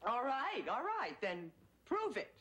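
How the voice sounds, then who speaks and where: A woman's voice: fairly high pitch, big pitch swings, unhurried, sharp tone, husky, exaggerated voice. An older woman playing an impatient, emotional widowed mother in a sitcom. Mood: insistent. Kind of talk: sitcom acting. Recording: noisy, studio audience behind.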